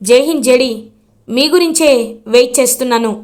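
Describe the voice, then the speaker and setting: A woman's voice: high voice, brisk, a little mellow, natural voice. Woman reading as a businesslike police officer. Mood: instructing.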